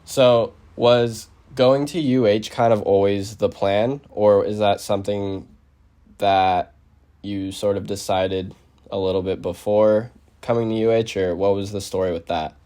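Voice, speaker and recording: A man in his twenties hosts a campus interview show, asking his guest questions in an easygoing, plain-spoken way. His voice is fairly low and fairly even, his pace unhurried, with loud music playing behind him.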